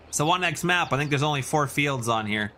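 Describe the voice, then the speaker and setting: Hosting a gaming stream, this Canadian guy chats loosely and responds to messages from his viewers. He speaks at a fairly high pitch with a bright, forceful tone, and there's a bit of background noise.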